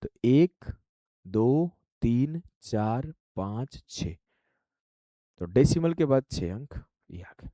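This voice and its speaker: Lively-pitched man teaching math, dry. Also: no room sound. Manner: brisk, drills numbers aloud, coaxing students. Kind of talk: classroom-style math lesson.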